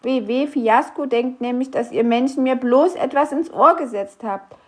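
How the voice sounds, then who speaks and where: A woman's voice: high-pitched, normal speed, pitched above the performer's own voice, natural voice. A woman voicing a small, fretful male grump elf who stammers anxiously. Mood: worried.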